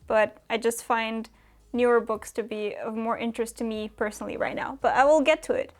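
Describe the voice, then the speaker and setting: A woman's voice: a little high, steady tone, brisk. A young woman from Romania chatting casually as a booktuber answering viewer questions, with lots of fillers and small laughs. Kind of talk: casual chat.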